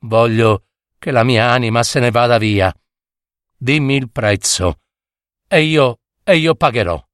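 A man voicing a lovesick young fisherman who pleads in an urgent, hurried way. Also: mid-range voice, dry recording, studio quality, lightly acted. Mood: pleading.

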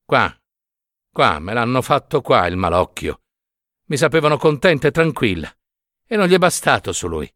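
A man voicing a desperate peasant mother, pleading and wailing in a shrill voice as he reads a story aloud. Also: sing-song, normal speed, a bit bright, no echo, clean studio sound. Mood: pleading anguish.

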